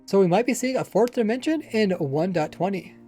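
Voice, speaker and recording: Brisk and expressive, this man's high, dark voice fills his casual, rambling livestream talk as he plays Minecraft. Soft music plays in the background, and his words come out a bit mumbled and lazy, with a faint accent.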